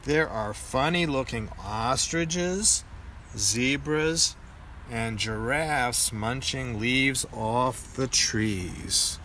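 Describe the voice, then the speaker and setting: An older man with a grandpa voice reads a children's picture book aloud in a deliberate storytelling manner. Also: medium pitch, pushed and bright, a little hiss or hum.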